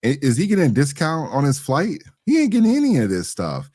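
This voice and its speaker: A man's voice: on the high side, wildly swooping pitch, a little fast, a little mellow, no room sound, clean studio sound. A man giving casual, opinionated commentary as a co-host, slangy and rambling, often repeating his phrases. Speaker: talk show co-host.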